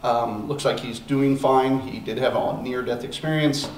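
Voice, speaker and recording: A man's voice: mid-range voice, fairly even intonation, normal speed. A man hosting a podcast in casual chat, rambling with plenty of ums and uhs. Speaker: podcast host. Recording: echoey room, distant mic, faint noise.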